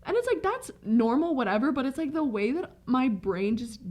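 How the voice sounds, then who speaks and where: A young woman co-hosting a podcast tells a rambling story in casual chat, leaning heavily on "like." Her high-pitched voice is very animated and a little mellow, moving at normal speed.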